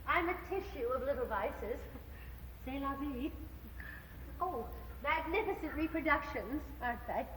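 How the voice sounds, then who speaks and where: Singing and speaking in a stage musical, this actress portrays a gushing, pretentious widowed landlady of middle age who giggles, flirts, and drops French phrases. Her fairly bright, high voice has lively intonation and an unhurried delivery with long pauses. It comes from a live stage soundboard in an echoey theater hall, with slight background noise.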